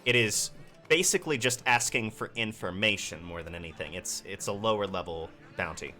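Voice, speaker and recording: A man narrating as game master of a tabletop game, relaxed and hesitant with many fillers. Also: fairly low pitch, a little fast, faint music behind.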